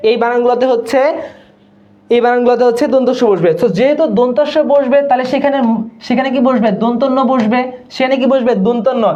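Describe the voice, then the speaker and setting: A man's voice: very high voice, highs cut off. A man from Dinajpur, Bangladesh, teaching Bangla spelling in a live online class, repeating words and often checking that students follow.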